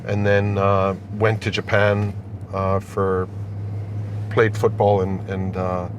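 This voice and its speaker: A middle-aged company executive, Austrian-born and now living in Canada, answers interview questions casually while riding in a moving car. His voice is lowish, his tone level and his pace slow. The recording picks up plenty of road and cabin noise.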